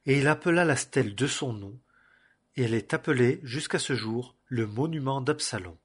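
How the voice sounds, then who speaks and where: A man reading a Bible passage aloud in a measured, solemn way, phrase by phrase. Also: mid-range voice, slightly rough. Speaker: scripture reader.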